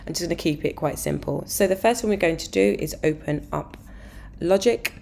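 A woman with a hoarse voice, walking through a music software tutorial step by step, with fillers and easy asides. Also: low-pitched, fairly quick, a little hiss or hum. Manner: relaxed step-by-step explaining with fillers.

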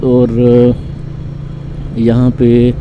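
A Pakistani motorcycle vlogger narrates a ride through his city, calm and unhurried, pausing often and using many fillers. His voice is mid-range, recorded outdoors on a city road with dull lo-fi sound and road and traffic noise.

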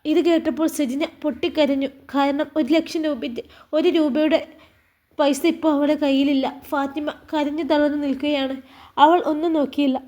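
A woman's voice: sits high, fairly even intonation, normal speed, mellow. A woman with a Malappuram Malayalam accent telling an emotional family story, voicing every character herself. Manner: emotional, voices characters in dialogue.

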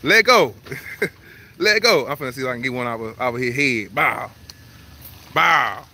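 Loud joking man. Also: medium pitch, sing-song, a little fast. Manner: loud, joking, slangy banter with frequent laughs. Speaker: vlogger. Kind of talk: casual live vlog. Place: outdoor zoo.

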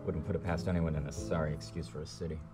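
A man's voice: rumbling low, fairly even intonation, fast talker, over music. An actor playing a world-weary male noir detective, narrating in a dry, wisecracking 1940s voice-over.

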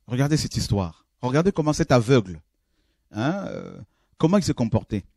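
A male preacher giving a call-in sermon, fervent, rising from low murmurs to high exclamations, often repeating himself. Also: very animated, normal speed, gravelly, darkish tone, no echo, studio quality. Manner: repeats and restarts phrases while addressing listeners.

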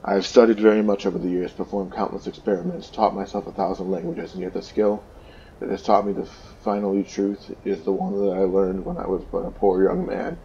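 An aged, resolute scholar speaks calmly and without hurry, as a deep-voiced man reads his lines. The voice is low and slightly gravelly. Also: brisk, dull audio, a little hiss or hum. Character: aging wise dwarf-elf scholar, calm and resolute. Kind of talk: reading quoted dialogue aloud.

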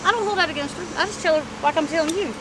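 A middle-aged woman chatting candidly in a street interview, animated and talkative, in an outdoor parking lot. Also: very high-pitched, rapid-fire. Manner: animated, chatty, acts out quoted voices. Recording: street noise in the background.

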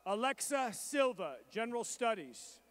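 Calling out each graduate at a college commencement, a man reads with a strikingly high voice. The roll call of names and programs is steady, formal and measured, with careful pronunciation throughout.

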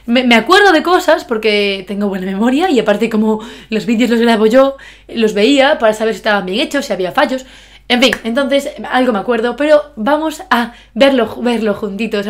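A woman in her twenties from Galicia, Spain, speaks with a Galician Spanish accent and a fairly high pitch. As a YouTuber filming a casual reaction vlog in her bedroom, she's excitable and self-mocking, bursting into shouts and laughter, recorded on a webcam with an earphone mic.

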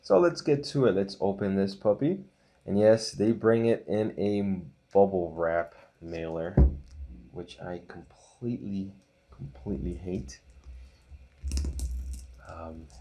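Man, thirties, casual unboxing vlog, low voice, unhurried, faint hiss and clicks. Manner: relaxed, reads titles off slowly with small asides. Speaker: channel host unboxing a disc set.

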